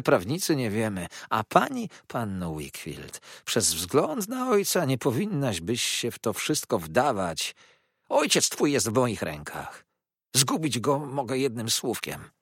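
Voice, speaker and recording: A man voicing a sneering, venomous young male clerk who hisses his words in spite, in a storybook reading, with a husky voice in a dry recording. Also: a bit bright, no room sound, heavily acted. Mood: mocking. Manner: hissing, shrill, spiteful.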